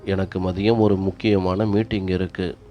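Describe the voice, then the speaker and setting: A man voicing a callous grown son who talks in an irritated, dismissive way, in a low voice. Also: little pitch movement, normal speed, highs cut off, soft background music, natural voice. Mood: impatient, scornful.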